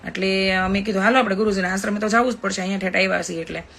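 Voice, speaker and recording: Fast-talking Kathiyawadi woman in her thirties. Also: medium pitch, fairly even intonation, creaky, fairly bright tone, a little hiss or hum. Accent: Kathiyawadi Gujarati. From Kathiyawad, Gujarat. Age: 30s. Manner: chatty, fast-talking, emphatic. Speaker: social media influencer. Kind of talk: live video storytelling.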